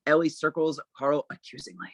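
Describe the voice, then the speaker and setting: For a script table read, a narrator reads stage directions plainly and descriptively. The mid-pitched voice sounds very dry and close, with no room sound, and the flat delivery runs a little fast.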